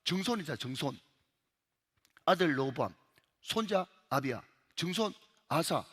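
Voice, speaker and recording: A man's voice: a little high, very animated, unhurried, fairly bright tone, slightly rough, big-room sound. A male pastor with a Gyeongsang accent preaching an emphatic sermon in a church, repeatedly calling out to the congregation. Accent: Gyeongsang Korean. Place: church sanctuary.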